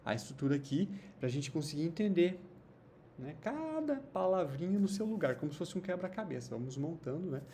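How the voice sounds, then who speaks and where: Animated teacher explaining grammar. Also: male voice, a little high, slight background noise. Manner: lively, slow drawn-out example sentences, frequent "tá?" and "né?" checks. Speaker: English teacher. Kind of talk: Portuguese-language English grammar lesson.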